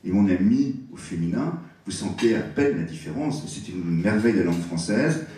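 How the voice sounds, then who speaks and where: A man lectures at an evening event with a lively, swooping delivery, lingering over each word he explains. His voice sounds a little distant from the microphone. The sound rings around a big echoey hall. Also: fairly low pitch, moderate pace, slight background noise. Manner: expressive, savouring each word. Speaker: guest lecturer. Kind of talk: public lecture on word origins.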